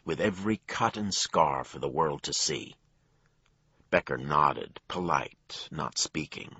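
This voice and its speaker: A man narrating a crime thriller audiobook in a measured storytelling voice. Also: a bit bright, slightly rough, no room sound, lo-fi sound. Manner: low, measured storytelling with acted dialogue.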